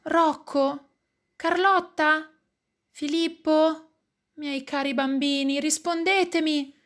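Woman doing a shouting, fed-up storybook dad. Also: high voice, fairly even intonation, takes it slowly, voice pushed up. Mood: pleading. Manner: shouting, scolding. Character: exasperated dad of three unruly kids.

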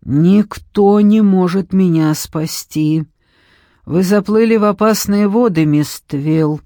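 A reader voicing a hissing, rough shadow mage. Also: medium pitch, slow, mellow, no room sound, clean studio sound. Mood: menacing. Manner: cold, sneering. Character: menacing male shadow mage, cold and cruel. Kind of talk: audiobook reading.

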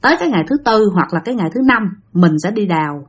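A woman's voice: medium pitch, animated, rapid-fire, husky. Woman storyteller, Southern Vietnamese accent, chatty spoken ghost-story narration addressed to listeners.

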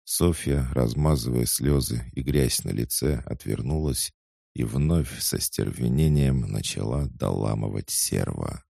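A man narrating a science fiction audiobook in a measured, even storytelling manner. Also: a bass voice, vocal fry, no echo, studio quality. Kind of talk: scripted narration.

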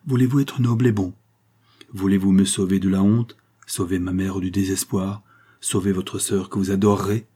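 A proud young noblewoman from a storybook, pleading with firm, anguished dignity, read by a man. The voice stays low, dark and husky, with no attempt at a higher pitch. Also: flat delivery, moderate pace. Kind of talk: audiobook character reading.

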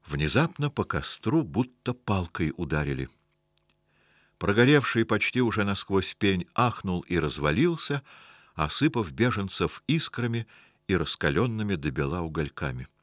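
Deep-voiced man reading a storybook. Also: big pitch swings, normal speed, a bit bright, no echo, clean studio sound. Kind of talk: scripted storybook narration.

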